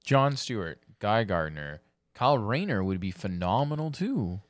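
Low-voiced laid-back podcast guy. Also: very animated, no room sound. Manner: laid-back, drawn-out, lots of "like" fillers. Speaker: podcast co-host. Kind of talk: casual chat.

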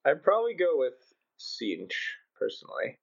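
Male gaming podcast regular, expressive intonation, bantering chat, muffled recording. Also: fairly high pitch, moderate pace, creaky.

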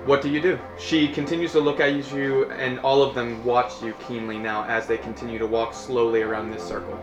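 A man's voice: mid-range voice, little pitch movement, brisk, muffled recording. A man improvising narration and rulings as the game master of a tabletop role-playing game. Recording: echoey room, loud music behind.

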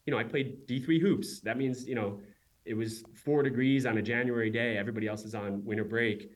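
A man in his forties, a company founder, talking casually as a guest and telling quick stories with many asides. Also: medium pitch, fairly even intonation. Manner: quick, chatty storyteller with many "right?" asides. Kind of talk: casual interview talk.

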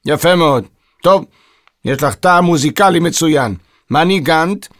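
A man voicing a grumpy, hard-of-hearing old composer who shouts irritably in a children's audio story. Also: medium pitch, steady tone, husky. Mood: grumbling.

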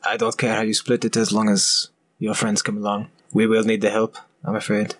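A man voicing a calm, matter-of-fact male airship captain. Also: fairly low pitch, brisk, natural voice.

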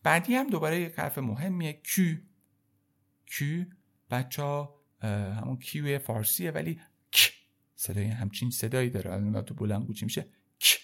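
A man at a middle pitch teaches French letters in an easygoing spoken lesson. He calls his learners kids and stretches out each sound so they can repeat it. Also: animated, gravelly. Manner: repeats sounds slowly and addresses viewers as kids.

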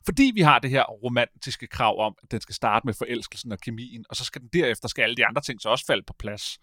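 A man in casual conversation as a podcast host, rambling and animated, often stopping to correct himself. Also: mid-range voice, no echo, clean studio sound. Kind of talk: casual chat.

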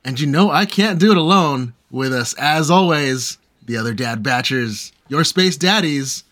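A man's voice: on the high side, animated, a little slow, a bit bright. A man hosting a podcast, opening the episode and teasing his co-hosts in upbeat, playful chat. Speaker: podcast host.

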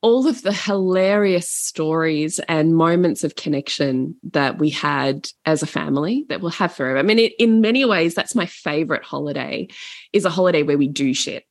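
A middle-aged woman spins a rambling holiday story in easy, casual talk, now and then acting out the other people in it. Her voice sits a little low, and it is recorded close and dry, with no room sound. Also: moderate pace, dry recording. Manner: animated, acts out voices in stories, swears casually. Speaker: podcast guest.

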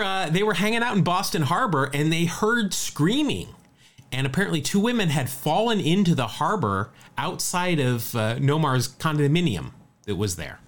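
A man co-hosting a casual sports podcast, reeling off statistics with a light, chatty manner. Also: fairly high pitch. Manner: lively, rattles off stats. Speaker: podcast co-host.

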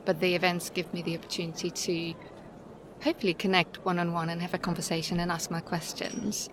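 Lowish-voiced woman in a noisy venue. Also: level tone, fairly quick. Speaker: conference attendee, learning consultant. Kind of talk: conversational interview answer. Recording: live in noisy crowded venue. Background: clear venue noise.

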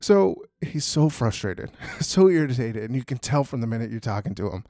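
A man's voice: mid-range voice, very animated, normal speed, dark tone, dry recording, clean studio sound. A young man hosting a podcast, talking in a casual, rambling monologue full of "you know" and "right?". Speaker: podcast host.

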